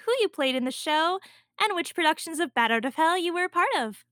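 A woman's voice: extremely high pitch, expressive, brisk, fairly bright tone. A woman co-hosting an interview show in an upbeat, chatty style. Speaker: podcast co-host.

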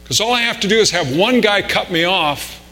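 A man's voice: high-pitched, expressive, moderate pace, pushed and bright. A man preaching a conversational sermon with anecdotes, pressing harder on his key points. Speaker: pastor. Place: church sanctuary. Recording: reverberant hall with mains hum.

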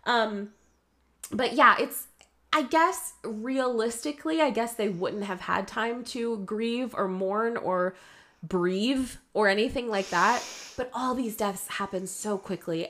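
A woman's voice: medium pitch, slow. Chatty woman podcast co-host. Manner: animated, lots of fillers and asides. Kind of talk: casual chat.

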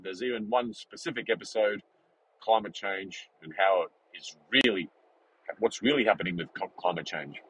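A man in his forties hosting a podcast, talking in a rambling, animated way with many fillers and restarts. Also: fairly low pitch, breathy edge, low-quality recording. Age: 40s. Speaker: podcast host. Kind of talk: casual unscripted monologue.

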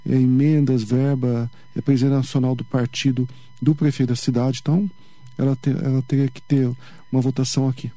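A Brazilian man, a city councilman, speaking as a radio guest in a measured, explanatory way with some hesitations. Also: medium pitch, little pitch movement, mellow, dry recording, soft background music. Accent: Brazilian Portuguese. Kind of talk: radio interview. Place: radio studio.

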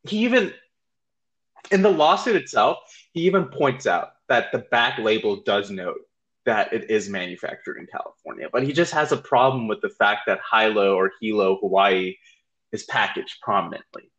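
A man's voice: on the low side, normal speed, fairly bright tone, lo-fi sound. A man co-hosting a casual podcast chat, laughing easily and choosing his words carefully. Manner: laughs while telling stories, hedges his wording. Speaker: podcast co-host.

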